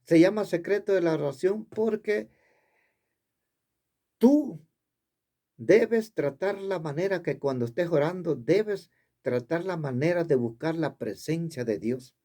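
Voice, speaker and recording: Slow, high-voiced preacher man. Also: warm tone. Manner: earnest, repetitive storytelling. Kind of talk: sermon testimony.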